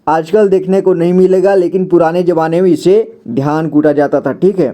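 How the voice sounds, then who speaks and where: A Hindi teacher with a rather high, mellow voice and fairly even intonation leads a beginner's alphabet lesson. He patiently explains each letter and picture, draws out sounds, checks back with the listener, and says "theek hai" often.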